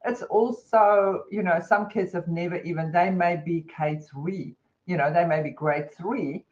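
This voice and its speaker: A woman's voice: lowish voice, unhurried, darkish tone. Chatty New Zealand woman presenting a webinar. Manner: chatty, conversational, many fillers. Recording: dull lo-fi webinar audio.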